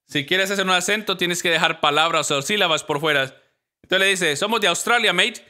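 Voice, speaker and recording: A man preaches from a church stage with a notably bright, sharp tone and a slightly higher pitch than most men. He tells his stories with animation and slips into the voices of the people he describes. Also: brisk. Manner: animated storytelling, acting out quoted voices. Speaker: pastor. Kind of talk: sermon.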